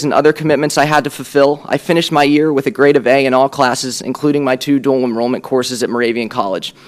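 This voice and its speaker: A young American man in his late teens speaks with a husky whiskey rasp at a middling pitch. He delivers a prepared formal speech, polite and earnest, in measured full sentences. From Pennsylvania, USA. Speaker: student candidate for a school board. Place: public board meeting room.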